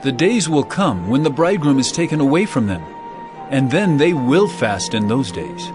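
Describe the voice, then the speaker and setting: A man's voice: medium pitch, very animated, normal speed, music in the background, close to an everyday voice. A man playing Jesus as an authoritative, earnest teacher in a dramatized scripture recording, speaking in a declamatory, emphatic way. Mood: earnest teaching. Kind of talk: dramatized scripture audio acting.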